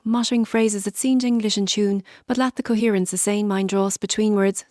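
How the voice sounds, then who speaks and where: A woman narrating a scripted horror story in a steady, measured way. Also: mid-range voice, no echo, clean studio sound.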